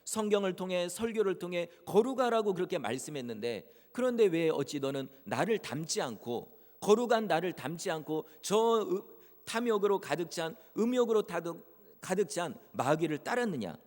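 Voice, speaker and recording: A man's voice: high-pitched, expressive, normal speed, a little mellow. A man voicing a stern male God who rebukes sinners with pointed questions, in a reverberant church hall. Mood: stern rebuking.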